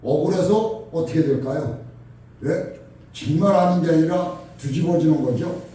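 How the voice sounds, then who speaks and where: A man's voice: on the high side, moderate pace. Preaching man in an echoey hall. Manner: asks the congregation questions, acts out shouted quarrels. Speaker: pastor. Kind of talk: sermon. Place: church sanctuary. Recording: echoey church hall from far off.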